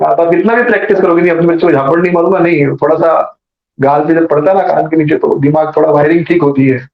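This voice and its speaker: A man's voice: on the high side, fairly even intonation, fast talker. A man giving a sermon as a storyteller, acting out the voices in his story and adding joking asides. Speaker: preacher. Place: temple hall. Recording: echoey dull temple hall recording.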